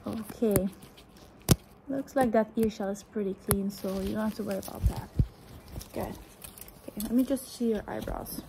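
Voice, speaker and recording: A young woman doing a fast ASMR role-play as an examining doctor, murmuring short, repeated phrases in a hurried way. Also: medium pitch, fairly even intonation. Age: young adult. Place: indoors, small room at home. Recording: clearly noisy close recording with clicks.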